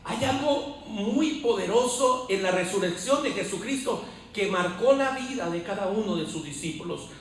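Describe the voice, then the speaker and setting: A man with a high, ringing voice delivers a fervent sermon. He is heard from some distance in a very echoey hall, and his preaching climbs to shouts at its peaks. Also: expressive, moderate pace, a little hiss or hum. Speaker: pastor. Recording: very echoey church hall, mic far off.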